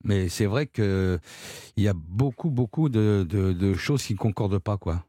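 A man who is an actor, being interviewed on the radio and answering in a halting, reflective way. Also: on the low side, animated, mellow, no echo, clean studio sound. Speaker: guest actor.

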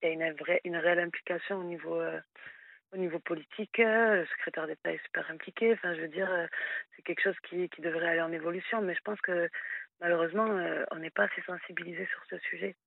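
A woman in her thirties from southwest France with a southwestern French accent, calling in to a radio show and speaking hesitantly with many pauses. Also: on the low side, fairly even intonation, vocal fry, dry recording. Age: 30s. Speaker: caller. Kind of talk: radio call-in conversation. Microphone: telephone. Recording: tinny phone line, dry.

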